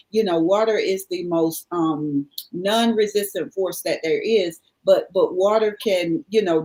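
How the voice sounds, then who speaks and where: A woman's voice: fairly low pitch, a little mellow, rough recording. A woman guest speaking earnestly in a reflective, motivational conversation, repeating favorite sayings for emphasis.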